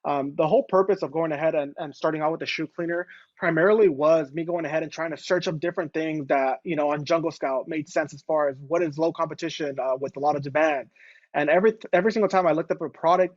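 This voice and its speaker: A man in his late twenties, a guest on a casual video interview, talking in a relaxed way with many fillers. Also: fairly high pitch, fast talker, no echo, lo-fi sound. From Los Angeles. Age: 20s. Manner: relaxed, fillers like "going ahead". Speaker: guest entrepreneur.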